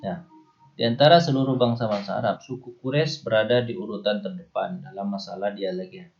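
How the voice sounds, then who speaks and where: A man with a light Indonesian accent gives an Islamic studies lecture in a loose, conversational, explanatory style, often dropping in "ya" and "nih." His voice is on the low side, gravelly and brisk. The lo-fi classroom recording sounds dull, with faint music in the background.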